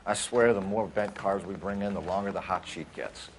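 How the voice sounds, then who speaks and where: An actor playing an earnest, clipped and authoritative 1940s police detective in a crime drama video game. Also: male voice, low voice, moderate pace, slight background noise, poor audio. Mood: businesslike.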